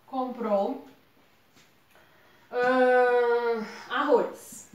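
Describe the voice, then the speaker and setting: A Brazilian woman with a high voice walks viewers through exam grammar in a relaxed, chatty way. The room around her is echoey. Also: extremely slow. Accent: Brazilian Portuguese. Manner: chatty, addresses viewers as gente. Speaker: exam prep tutor. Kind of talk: casual explanatory lesson.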